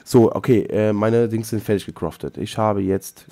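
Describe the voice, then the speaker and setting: A man hosting a Let's Play, chatting casually with a co-op partner, excitable and joking, often exclaiming. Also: on the low side, normal speed, no room sound. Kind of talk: casual co-op gaming chat.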